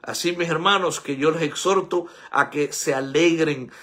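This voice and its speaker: Older pastor guy preaching, kinda high husky voice, gets loud and emphatic. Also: normal speed. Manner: exhorting, rising to high emphatic peaks. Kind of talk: sermon. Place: church sanctuary.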